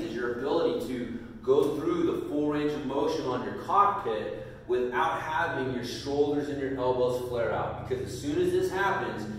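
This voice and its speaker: A middle-aged man coaching on bike handling in a loose, demonstrative way, pausing on fillers as he goes. His voice sits at a mid pitch and rings around a very echoey, hard-surfaced home gym. He is picked up from a camera some distance away, with a long reverb tail. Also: a little hiss or hum. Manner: casual, demonstrative, frequent fillers. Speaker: mountain bike strength coach. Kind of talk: instructional video talk. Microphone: far camera. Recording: echoey room from far off.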